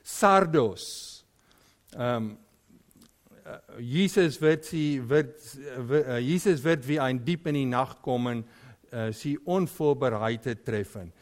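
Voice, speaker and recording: Preaching in German, a native Afrikaans speaker carries that accent and frequently stops to hunt for the right word. He speaks in a mid-range voice.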